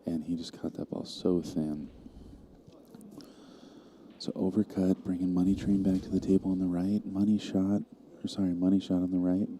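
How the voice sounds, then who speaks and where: A man giving calm, analytical live commentary on a pool match, calling each shot. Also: sits low, normal speed, a little hiss or hum.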